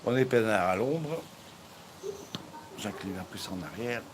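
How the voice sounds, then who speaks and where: His voice sits on the low side with lively intonation and a measured pace. He's running a cooking live stream through a phone mic, joking around with viewers in a rambling way, full of fillers and false starts, with noisy surroundings audible.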